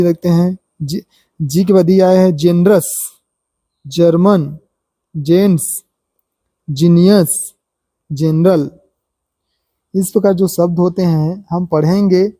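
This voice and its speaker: A man gives a pronunciation lesson, working through numbered rules and saying each example word slowly, more than once. His voice is very dark and mellow. The recording is dry and close, with no room sound. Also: sits high, no room sound. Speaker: English pronunciation teacher. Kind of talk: explanatory spoken lesson.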